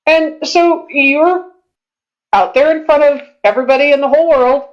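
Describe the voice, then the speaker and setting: A woman with a high voice runs a tabletop game, describing scenes as she makes them up. Her delivery is halting and descriptive, and the audio is a little dull. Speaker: game master. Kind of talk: improvised tabletop game narration.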